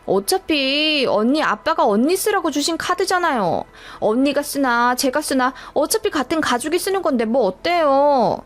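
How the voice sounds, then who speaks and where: A woman's voice: high voice, animated, normal speed, hardly any pauses, soft background music. Woman playing a whiny young sister-in-law. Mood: defiant. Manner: whining, pleading.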